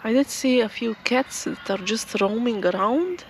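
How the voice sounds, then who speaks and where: A woman's voice: fairly high pitch, a little slow, poor audio. Woman chatting away outside in her garden, laid back, bit of outdoor noise. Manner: chatty, self-deprecating, with small restarts. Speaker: nature vlogger. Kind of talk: relaxed rambling outdoor vlog.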